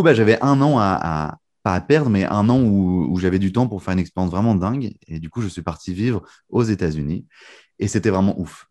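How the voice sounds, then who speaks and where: A young man from France in his twenties, a guest magician talking casually in an interview, with loose fillers and restarts. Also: low voice. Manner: relaxed, many fillers and restarts.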